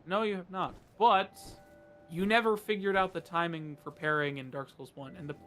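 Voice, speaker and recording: A man with a fairly high voice keeps up casual commentary on a video game. He coaches his friend with wry teasing and plain explanations of mechanics, with faint music behind him. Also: fairly even intonation, moderate pace, a bit bright. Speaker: co-host guiding the player.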